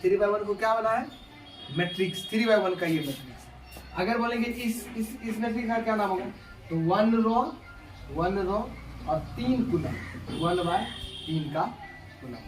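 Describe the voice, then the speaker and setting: High-voiced male teacher in echoey room. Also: normal speed. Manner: repetitive, asks and answers his own questions. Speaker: math teacher. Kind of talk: classroom lecture. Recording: echoey room, distant mic, background noise.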